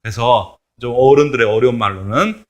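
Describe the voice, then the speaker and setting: A man's voice: mid-range voice, moderate pace. A male pastor giving a children's sermon in church, telling a Bible story and asking the children questions. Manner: animated, asks children questions.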